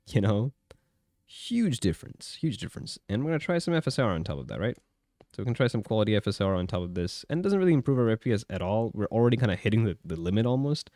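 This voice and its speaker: Low-voiced man. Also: a little mellow, no echo, studio quality. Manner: conversational, talks through tests with frequent check-in questions. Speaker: tech reviewer. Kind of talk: casual hands-on gaming handheld commentary.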